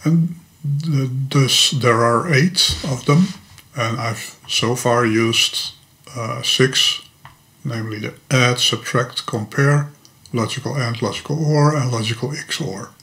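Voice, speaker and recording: An older man, a native Dutch speaker with a Dutch accent, talks at a medium pitch and a slow pace, his voice pushed and bright. He's a hobbyist teacher recording a programming tutorial at his desk in a home workshop room full of electronics, explaining a computer topic patiently and methodically. Now and then he trips over a word.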